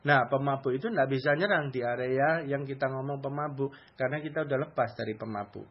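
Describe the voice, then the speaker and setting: A man's voice: mid-range voice, a little fast, highs cut off. A man preaching a sermon in a conversational, colloquial way, often asking rhetorical questions.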